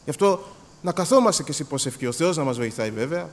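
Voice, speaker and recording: Greek male preacher, lively pitch swings, acts out scenes, reverberant church hall. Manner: animated, acts out dialogues, repeats words. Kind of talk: sermon.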